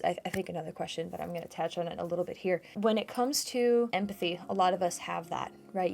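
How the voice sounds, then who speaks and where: A woman's voice: medium pitch, darkish tone. A woman hosting her own channel, answering viewer questions in casual chat, laughing often and restarting her sentences. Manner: chatty, laughs often, restarts and repeats herself. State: shivering from cold.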